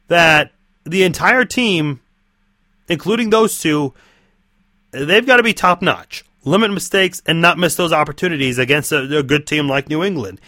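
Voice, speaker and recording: An American man with a rough, hoarse, strained voice, giving solo football commentary as a podcast host. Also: high-pitched, sharp tone, no echo, clean studio sound. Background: music.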